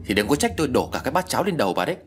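A man's voice: mid-range voice, big pitch swings, very fast, slight background noise, pitched above the performer's own voice, lightly acted. A man voicing a cruel, abusive middle-aged woman caretaker who screeches insults in a storybook ghost tale. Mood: shrieking, furious.

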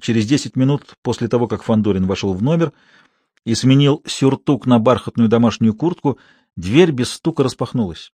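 A man narrating a literary novel in a measured, even storytelling manner. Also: medium pitch, dry recording. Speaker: audiobook narrator.

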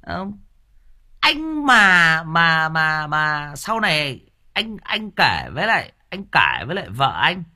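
A man's voice: on the high side, huge pitch swings, takes it slowly, pushed and bright. A man hosting an audiobook livestream in a casual, joking chat, rambling and stumbling over repeated filler words. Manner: jokey and playful, laughs at his own stories. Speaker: audiobook host chatting with listeners.

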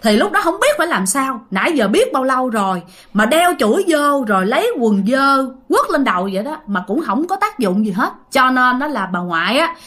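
A woman's voice: high-pitched, very animated, normal speed, fairly bright tone. A woman with a Southern Vietnamese accent telling a ghost story, chatty and speaking straight to her listeners. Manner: chatty, addresses listeners directly.

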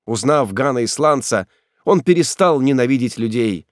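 A man narrating a classic novel in an expressive storytelling manner, close to the mic. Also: medium pitch, normal speed, no room sound. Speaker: audiobook narrator. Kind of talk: scripted narration.

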